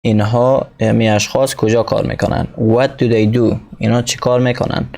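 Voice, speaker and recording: Gravelly, dark-voiced male English teacher. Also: on the low side, level tone. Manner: reads English examples slowly, explains quickly in Persian. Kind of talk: recorded lesson explaining a textbook.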